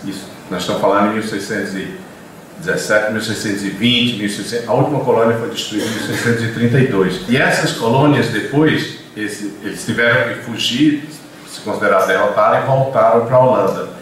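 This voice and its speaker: An older man, a university professor, gives a discursive lecture in a lecture room, often hesitating and restarting his sentences. His voice is on the low side, a bit bright and fairly quick. The distant mic captures an echoey classroom with a little hiss or hum.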